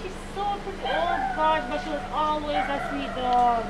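A woman's voice: high voice, normal speed, noisy background. A woman chatting casually outdoors at an animal shelter, fondly cooing at the dogs. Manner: fond, coos at the dogs. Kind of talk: casual chat.

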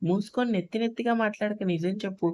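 This is a harsh, domineering young male boss from an audio story, scolding and threatening in a mellow, dark-toned voice, as a woman puts him on. The sound is dry and close, with no room around it. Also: mid-range voice, fast talker, no room sound, close to an everyday voice.

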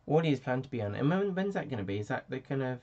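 A man's voice: medium pitch, sing-song, fast, darkish tone. A man hosting a casual live stream, chatty and self-mocking as he answers viewers. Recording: dull lo-fi sound.

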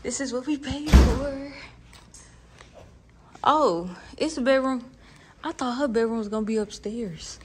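Filming on a phone held at arm's length, a young adult woman chats casually and with slang while giving a tour through her apartment, hallways, and a parking garage. Her voice is a little high, at a measured pace with long pauses, and the handheld recording is noisy.

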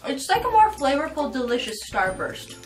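A woman with a fairly high voice chats and teases her way through a snack taste test, quick to react to each treat. Her voice echoes in the room from a distance. Clear music plays underneath. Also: sing-song. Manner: chatty and teasing, quick reactions. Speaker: snack box co-reviewer. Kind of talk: casual taste-test chat. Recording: roomy, distant mic with background music.

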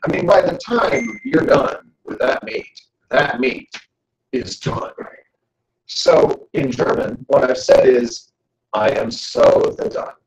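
A man giving a joking, animated lecture to an audience as a guest speaker. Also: mid-range voice, creaky, roomy sound, muffled recording, a little hiss or hum. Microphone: camera.

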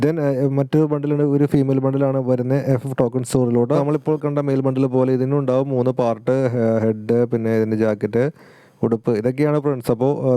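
Rapid-fire dark-voiced male gamer vlogger. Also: medium pitch, smooth, no echo. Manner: chatty, keeps addressing viewers as friends and guys. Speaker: gaming YouTuber. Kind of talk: casual game update commentary.

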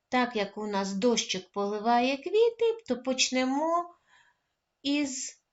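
A woman primary school teacher gently gives a recorded lesson to first graders, praising the children often. Her voice is fairly high, and the sound is lo-fi.

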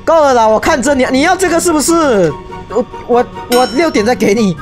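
Excitable high-voiced woman gamer, shrieking. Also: a little fast, music in the background. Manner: excitable, shrieking, peppered with English exclamations. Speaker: gaming YouTuber. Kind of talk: let's play commentary.

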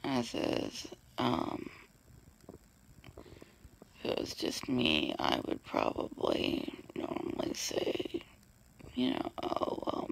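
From her bed, a young vlogger who has just woken in pain whispers a diary into her phone's front camera at arm's length. Her voice is rumbling low with vocal fry, tired and mostly unvoiced; the bedroom recording has slight background noise and poor audio.

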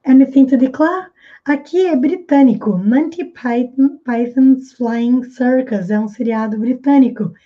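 A Brazilian Portuguese-speaking woman teaching English pronunciation, slowly and carefully repeating English phrases. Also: a little high, highs cut off. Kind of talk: explaining pronunciation in a video lesson.

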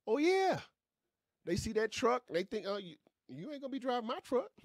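A pastor in his fifties, his voice fairly high for a man, leads a Bible class in a fervent, folksy, sing-song preaching style at normal speed, dropping an amen or hallelujah into almost every phrase. His call-and-response delivery is emphatic and conversational, and he gestures with his hands. He's recorded dry and close on a stand mic in front of him, in a small indoor room with a curtain backdrop.

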